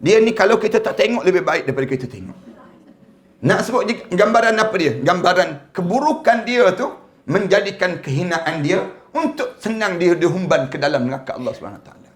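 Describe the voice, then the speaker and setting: Malaysian Malay male preacher, high voice, animated storytelling sermon. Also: brisk. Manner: lively storytelling with laughs.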